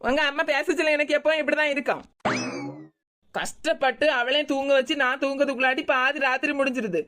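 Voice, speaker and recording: A high-pitched young daughter-in-law, voiced by a woman in a village cartoon. She is tired and defiant, and she talks back with quick, sharp-tongued retorts. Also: steady tone. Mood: irritated.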